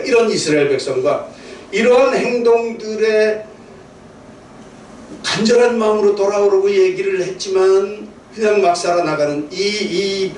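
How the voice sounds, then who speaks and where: A middle-aged man preaches a sermon to his congregation, talking to them conversationally and often checking that they agree. His voice sits fairly high. He is picked up from across a reverberant church hall, with faint room noise behind him. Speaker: pastor. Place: church sanctuary. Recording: echoey, from far off.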